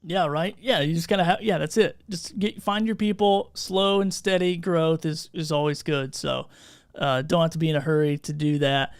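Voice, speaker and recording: Easygoing male podcast host, smooth voice. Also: on the high side, steady tone, moderate pace, no echo, clean studio sound. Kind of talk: casual interview chat.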